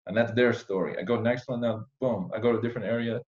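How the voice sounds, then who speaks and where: An Iranian podcast host with a lowish, slightly mellow voice talks fast in a steady tone. He rambles through a casual conversational episode full of playful, mock-serious asides, and the audio is dull and lo-fi.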